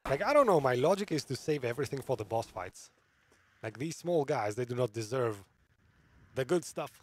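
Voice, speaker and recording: Lively chatty man streaming a game. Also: mid-range voice, moderate pace, a little hiss or hum. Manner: chatty, laughs often, reads chat aloud. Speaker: gaming streamer. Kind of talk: live gameplay commentary.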